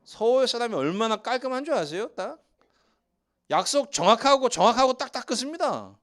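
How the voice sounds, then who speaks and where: A man's voice: very high-pitched, fairly quick. A male pastor from Seoul preaching a sermon in a church and joking with the congregation. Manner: joking with the congregation, lively asides. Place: church sanctuary.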